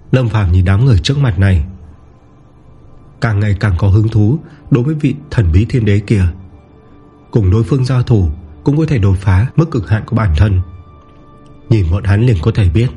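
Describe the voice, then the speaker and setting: A man narrating a martial-arts novel in a steady, even storytelling voice. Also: on the low side, slightly rough. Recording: soft background music.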